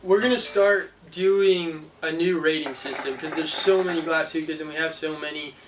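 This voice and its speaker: Man, casual reviewer, rambling explanations, fairly flat intonation, far from mic, clear noise. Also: fairly high pitch, normal speed. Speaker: product reviewer, host. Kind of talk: casual chat, informal product review. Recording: distant mic, clearly noisy background.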